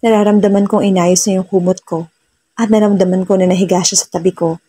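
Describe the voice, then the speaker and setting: A woman narrating a romance story in the first person, soft-spoken and switching between Tagalog and English. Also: mid-range voice, fairly even intonation, fast talker, breathy edge, dry recording.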